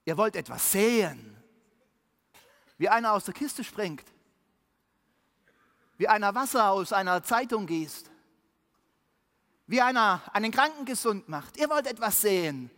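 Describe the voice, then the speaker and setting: A preacher voicing Jesus in a low, measured, slightly brusque manner. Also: big pitch swings, fairly bright tone. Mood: curt. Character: Jesus, calm and a bit curt.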